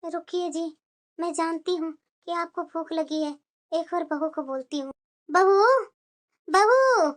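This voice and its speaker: An elderly cartoon mother-in-law, gentle and begging for a meal, as a woman voices her. The voice sits very high and squeaky, with a plaintive way of calling out. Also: steady tone, measured pace. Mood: pleading.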